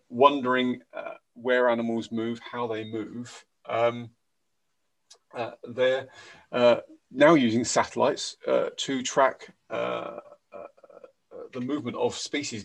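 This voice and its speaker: A man co-hosting a relaxed news chat in a husky voice with a gravelly edge. He talks haltingly, full of ums, and often trails off to a murmur. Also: medium pitch. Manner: hesitant, many ums and uhs, trailing off softly. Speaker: podcast co-host.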